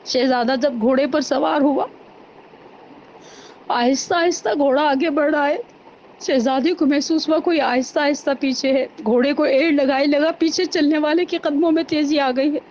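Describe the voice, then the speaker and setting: A woman's voice: sits high, steady tone, a little mellow, lo-fi sound, slight background noise. A woman orator giving an impassioned mourning sermon at a women's gathering, reciting in a lamenting voice that rises to anguished cries. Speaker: zakira (religious mourning orator).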